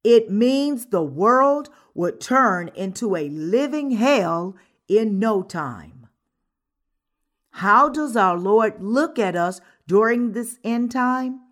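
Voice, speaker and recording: Woman, mid-pitched and unhurried, for an earnest scripted sermon reading. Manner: measured, earnest delivery. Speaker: sermon reader.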